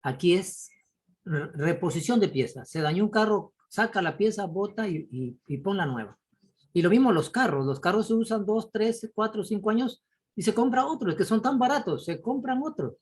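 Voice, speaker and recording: A man from Ecuador taking part in a course speaks casually in an online class during a video-call discussion, telling examples with animated exclamations and an apologetic manner. His voice sits high and is slightly rough, at a moderate pace.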